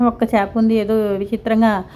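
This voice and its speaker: A woman's voice: on the high side, level tone, normal speed, warm tone. A middle-aged woman from India narrating a casual vlog of a zoo visit, talking in a sympathetic, rambling way with many restarts. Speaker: vlogger. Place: outdoor zoo park.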